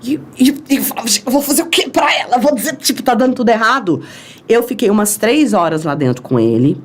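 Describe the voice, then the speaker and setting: A Brazilian woman, a guest on a podcast, tells a long story in an interview, animatedly acting out the voices and quoted dialogue. Her voice is fairly high and husky, and she talks fast.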